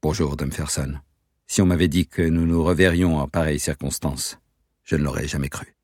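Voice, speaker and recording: A man voicing a calm, intense young captain who speaks in a quiet, steady, insistent way. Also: very deep voice, normal speed, no room sound, studio quality. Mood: calm, knowing.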